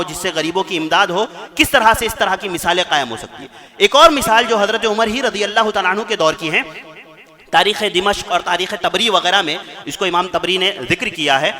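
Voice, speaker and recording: A man's voice: high voice, sharp tone. A man giving a Friday sermon in a mosque, retelling stories with quoted dialogue and repeating phrases for emphasis.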